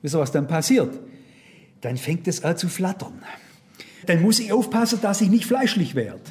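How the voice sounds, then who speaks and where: A man's voice: sits high, lively intonation, normal speed, darkish tone, a little hiss or hum. A man preaching a sermon to his congregation, asking them many rhetorical questions and quoting Bible verses. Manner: quotes and reads Bible verses aloud.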